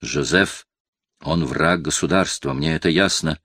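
A man reading an audiobook, voicing a proud, quick-tempered cardinal in his fifties who bursts into loud indignation. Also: rumbling low, dry recording, clean studio sound, pitched below the performer's own voice, heavily acted. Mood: fretful. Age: 50s. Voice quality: flaring into loud indignant outbursts. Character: imperious aging cardinal, proud, quick to anger. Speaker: audiobook reader voicing a character.

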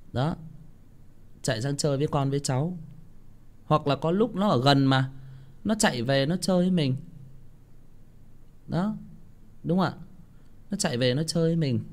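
A man, giving relationship advice in a casual monologue full of rhetorical questions. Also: on the high side. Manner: animated, with frequent rhetorical questions.

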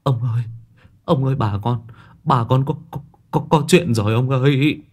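A man's voice: mid-range voice, moderate pace, a little mellow, faint music behind, close to an everyday voice. A man voicing a terrified male servant who stammers as he kneels before his master in a ghost story.

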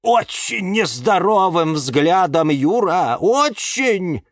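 A man voicing a fussy, excitable older female houseplant in a children's audiobook, with a wailing, fretful delivery. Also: a little high, measured pace, dry recording, clean studio sound, pitched above the performer's own voice. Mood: emphatic. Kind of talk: audiobook character voice.

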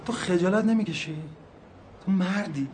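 An actor voices a desperate, hot-tempered husband who keeps cutting in, his voice pitched a touch high. He argues hard and loud in a film's courtroom scene. A faint hiss runs under the track. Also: lightly acted. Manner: shouting, agitated, interrupting. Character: poor, hot-tempered husband of a grieving family. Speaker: complainant in a court hearing.

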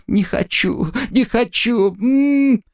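A man voicing a terrified young female student who begs and sobs in high, panicked cries. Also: slow pace, exaggerated voice. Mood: panicked pleading. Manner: hysterical, pleading, high-pitched cries. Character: terrified young woman student, sobbing and pleading.

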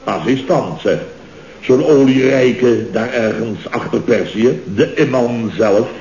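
An actor playing a chatty, boastful boss of a construction firm in a 1960s radio comedy, talking in rambling, jovial asides. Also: male voice, medium pitch, takes it slowly, darkish tone. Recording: dull, roomy old radio recording.

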